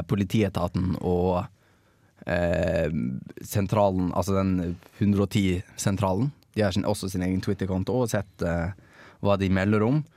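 Low-voiced rambling Norwegian radio man. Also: darkish tone, dry recording. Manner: rambling, hesitant, with many fillers. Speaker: radio co-host. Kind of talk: casual radio chat.

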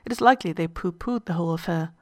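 A woman reading a story aloud in scripted narration, in an even, measured way. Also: fairly low pitch, dry recording, studio quality.

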